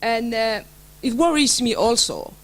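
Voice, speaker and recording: A middle-aged woman from Somaliland speaking earnestly on a panel, with many pauses, fillers and restarts. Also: on the high side, expressive, poor audio. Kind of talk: panel speech.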